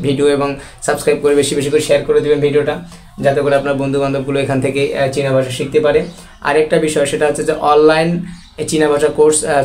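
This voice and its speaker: A man with a Bangladeshi Bengali accent teaching an online language lesson, explaining slowly and repeating each phrase with drawn-out model pronunciations. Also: a little high, a little mellow.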